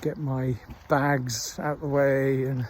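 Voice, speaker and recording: A middle-aged Welshman vlogs on a countryside dog walk, talking into a handheld phone in a rambling, unhurried way with frequent pauses. His voice is mid-range and darkish with flat delivery, and a little hiss or hum sits under the recording.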